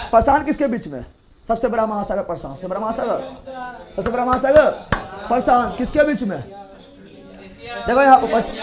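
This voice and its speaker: A male teacher giving a geography lesson, drilling students with repeated questions and joking scolds. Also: extremely high pitch.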